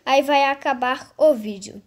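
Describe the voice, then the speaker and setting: A woman's voice: sits high, measured pace. A female gaming host giving casual game commentary, talking straight to viewers and repeating phrases. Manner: repetitive, addresses viewers directly.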